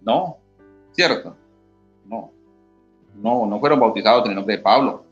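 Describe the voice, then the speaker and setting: With a fairly low pitch, an expressive delivery and a measured pace, a man from Colombia speaks as an interview guest who was once a church member. He explains Bible passages like a teacher, reading scripture aloud and often asking "¿sí?", on dull lo-fi audio with faint guitar music.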